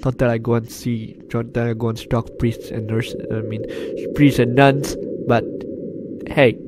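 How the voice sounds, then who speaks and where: A gaming YouTuber, sick with flu, delivers let's play commentary in a mid-range, rather flat voice at a slightly slow pace, and the recording is very noisy. He reads game text aloud and jokes, repeating phrases and bantering with the characters.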